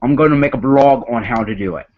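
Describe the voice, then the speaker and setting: A man hosts a live online reality game show over a voice call, putting on an Australian accent and rambling fast while speaking straight to the players. His voice sits in the mid range, and the call audio is dull and lo-fi with a little hiss or hum.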